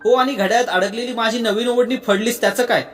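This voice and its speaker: Narrator voicing a sharp-tongued, fiery young woman who scolds hard in a storybook reading. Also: fairly high pitch, fairly even intonation, fast, soft background music, natural voice. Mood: scolding. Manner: scolding, snapping.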